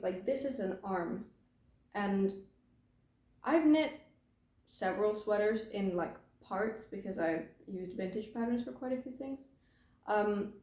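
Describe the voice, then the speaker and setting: A young British woman talks casually as the host of a knitting podcast, wandering off on tangents and gently poking fun at herself. Her voice is mellow and soft-edged, sitting at an ordinary pitch for a woman. It was recorded at home in a room that gives it a noticeable echo. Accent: British English. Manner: rambling and self-deprecating, full of "like". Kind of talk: casual chat. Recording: roomy echo.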